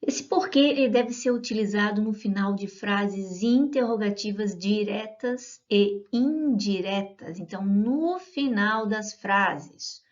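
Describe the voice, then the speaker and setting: A woman gives a patient grammar lesson and keeps checking that her students follow. Her voice sits in a middle range. The audio is a little dull and lo-fi. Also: mid-range voice. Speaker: Portuguese teacher.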